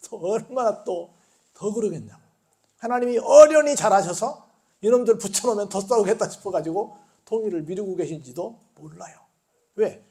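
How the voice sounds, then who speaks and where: A man preaching a sermon in a church in a folksy, conversational way, often asking the congregation questions. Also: high-pitched. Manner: lively preaching with many rhetorical questions to the congregation. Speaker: pastor. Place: church sanctuary.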